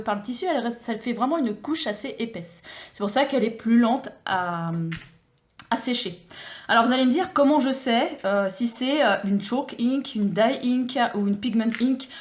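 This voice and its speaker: A woman hosting a craft tutorial, explaining products in a chatty way with many hesitations and restarts. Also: a little high. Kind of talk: explaining a scrapbooking product review.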